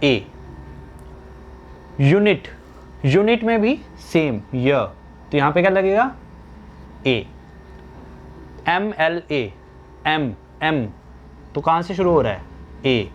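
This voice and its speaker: Man, grammar teacher, slow deliberate lesson, asks and answers his own questions, faint background hiss. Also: on the high side, sing-song, highs cut off. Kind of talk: slow classroom-style lesson.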